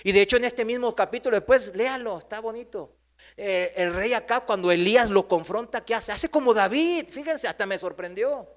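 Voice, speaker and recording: High-voiced Mexican pastor, folksy. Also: male voice, a little fast. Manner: folksy, conversational storytelling with rhetorical questions. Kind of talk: sermon. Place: church.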